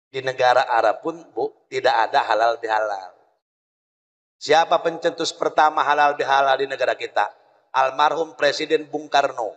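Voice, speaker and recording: A man's voice: medium pitch, a bit bright. A man preaching a comic sermon in a mosque, telling stories and acting out dialogue voices. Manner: storytelling with acted dialogue voices. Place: mosque hall. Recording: long hall reverb.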